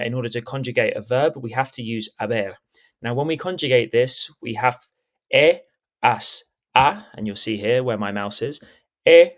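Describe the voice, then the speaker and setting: Methodical man teaching a grammar lesson. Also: mid-range voice. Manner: clear, methodical, checks in with "okay?". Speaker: Spanish teacher. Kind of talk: screen-recorded grammar lesson.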